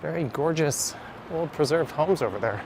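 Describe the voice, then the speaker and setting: Canadian man, walking street-stream host, chatty, loud street noise around. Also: a little high, lively intonation, normal speed. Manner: chatty, speaks while power walking. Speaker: live-streaming city walker. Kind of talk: casual walking commentary. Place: city streets outdoors. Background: traffic and street noise.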